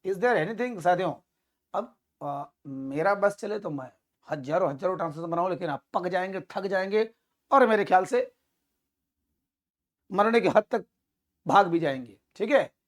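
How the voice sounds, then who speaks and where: A woman's voice: lowish voice, animated, a little slow, pauses often. A woman teaching spoken English, drilling example sentences over and over and talking to her listeners as friends.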